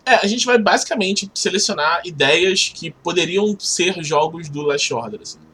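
A man with a Brazilian Portuguese accent talks casually as an interview guest, explaining things in a halting, informal way. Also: sits high, expressive, bright, forceful tone, slightly rough. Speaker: podcast guest, game project organizer.

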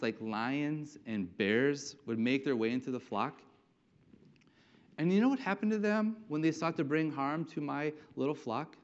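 A man voicing a bold young shepherd who boasts defiantly to a king, in a dull lo-fi recording. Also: medium pitch. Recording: dull lo-fi sound.

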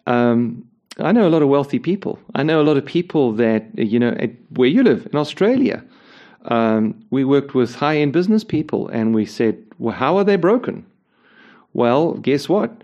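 A man's voice: mid-range voice, sing-song, normal speed, highs cut off. A man, a ministry leader, answering an interview question by telling a story earnestly, often repeating words as he starts a phrase.

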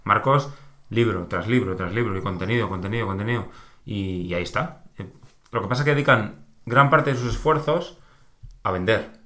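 Man, Peninsular Spanish accent, podcast chat, animated storyteller, lower pitch, bright tone. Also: brisk. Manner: animated storyteller, laughs often. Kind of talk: casual podcast conversation.

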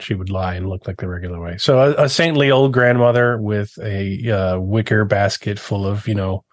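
A man's voice: on the low side, no echo. A man playing a tabletop game, talking casually as he improvises.

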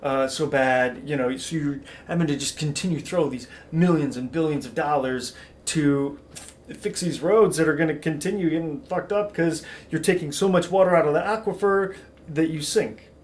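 A man with a fairly high voice chats casually and excitably. He jokes with his friends and swears freely as he talks. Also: moderate pace, a little hiss or hum. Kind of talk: casual podcast chat.

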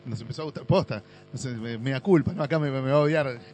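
A man's voice: mid-range voice, fast talker, a little mellow, soft background music. Argentine man, chatty and explanatory. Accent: Argentine Rioplatense. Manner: explains at length with asides and tag questions. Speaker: guest. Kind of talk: casual podcast chat.

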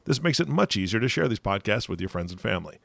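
A man hosts a podcast in a casual but practiced way. He talks fast in a fairly low, gravelly voice, recorded dry with no room sound. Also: big pitch swings, a bit bright, dry recording. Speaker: podcast host and announcer. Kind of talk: casual hosting, podcast sign-off.

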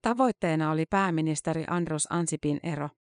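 Even, measured news article narrator. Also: mid-range voice, dry recording, studio quality. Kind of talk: scripted narration of a long-form news article.

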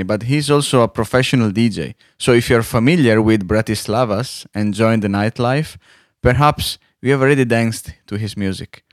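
A man's voice: medium pitch, dry recording. Hesitant male podcast host, dry sound. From outside Slovakia. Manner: hesitant, restarting phrases. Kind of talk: podcast interview, scripted intro.

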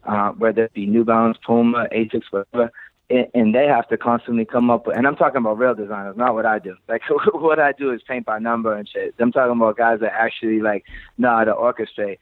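A sneaker shop's creative director, appearing as an interview guest, chats casually and tells stories, candid and slangy with plenty of swearing. He talks fast in a medium-pitched voice with fairly even intonation. The dry recording comes over a thin, phone-like, radio-quality line.

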